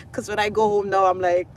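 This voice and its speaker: A woman's voice: mid-range voice, slight background noise. A middle-aged woman from Jamaica, a food blogger hosting a rambling live-stream chat with viewers. She fills her talk with "um"s and laughs often. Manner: chatty and rambling, many fillers, laughs often. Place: outdoors at a scenic lakeside.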